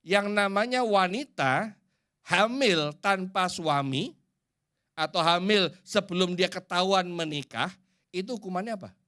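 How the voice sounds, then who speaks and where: A man with an Indonesian accent preaching a sermon in a church, swinging from loud and emphatic to hushed. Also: high voice, lively intonation, measured pace.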